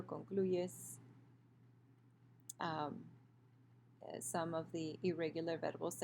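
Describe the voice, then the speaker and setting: A woman with a low, gravelly voice walks through a recorded grammar lesson over a screen share. She explains patiently, often pausing on fillers and correcting herself. A faint hum sits under the computer-mic recording. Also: a little mellow. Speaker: Spanish teacher.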